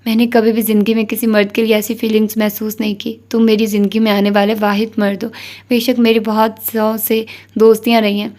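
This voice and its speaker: Woman doing a obsessive jealous girl, loud, shrill, pleading then threatening. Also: completely flat delivery, natural voice. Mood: pleading tearful.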